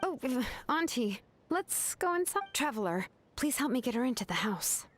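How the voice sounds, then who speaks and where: A woman's voice: sits high, big pitch swings, normal speed, a little hiss or hum. A woman playing an easygoing, considerate young adult craftswoman in a video game, casual and reassuring, with music behind her. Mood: concerned. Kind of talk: English video game voice acting.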